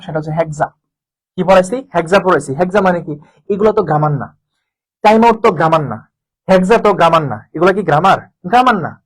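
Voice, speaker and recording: A man's voice: high-pitched, poor audio. A man tutoring students for a university admission exam in a casual, colloquial way, repeating key terms and asking rhetorical questions. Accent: Bangladeshi Bengali. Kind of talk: informal exam-prep lecture.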